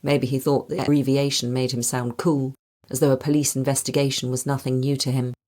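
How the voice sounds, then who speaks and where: A woman reads a crime novel aloud with measured, even storytelling. Her voice sits remarkably low for a woman. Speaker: audiobook narrator. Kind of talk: scripted narration.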